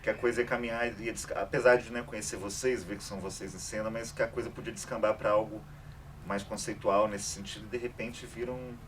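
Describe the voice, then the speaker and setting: A man's voice: on the low side, fast. A man moderating a casual debate after a film screening in a cinema, thinking aloud with rambling fillers. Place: cinema hall. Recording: distant mic with steady background noise.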